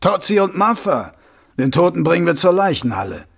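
A cunning, dry-witted watch captain in a storybook, brisk and commanding, as a male reader voices him. The voice sits a little above the reader's own and keeps a gravelly, husky grain. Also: a little high, animated, heavily acted. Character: shrewd middle-aged male watch captain, dryly cunning.

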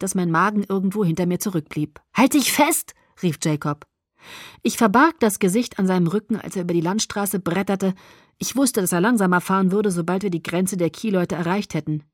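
A woman reading a first-person audiobook in a calm, even storytelling manner. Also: mid-range voice, no room sound, clean studio sound. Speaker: audiobook narrator.

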